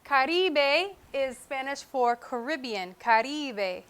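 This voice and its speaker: A woman teaches a Spanish lesson on a wireless mic. Her voice sits high and bright. She talks very slowly and repeats each key word with care. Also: animated, smooth. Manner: slow, deliberate, repeats key words with English glosses. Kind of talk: comprehensible-input lesson. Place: at a whiteboard. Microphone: wireless microphone.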